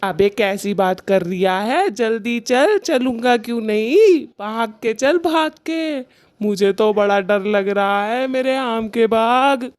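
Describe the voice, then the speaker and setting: A cowardly cartoon orchard owner who whines in fear, played by one performer. He drawls slowly. The sound is dry and close. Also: mid-range voice, expressive, no room sound. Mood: panicky. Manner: whining, frightened. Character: panicky male mango-orchard owner, cowardly.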